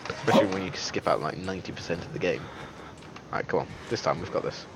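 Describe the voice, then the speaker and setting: A man's voice: sits low, fairly quick, heavy background noise. A man giving casual, joking gameplay commentary as a streamer, chatty and self-deprecating with lots of fillers. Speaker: game streamer.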